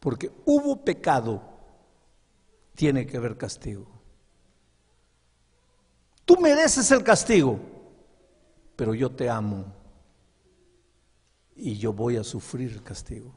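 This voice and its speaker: A man's voice: mid-range voice, slightly rough, exaggerated voice. A man voicing a firm but loving mother laying down the rules to her son, in a sermon story. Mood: tender. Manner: firm, deliberate, lively. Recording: long echo of a large hall.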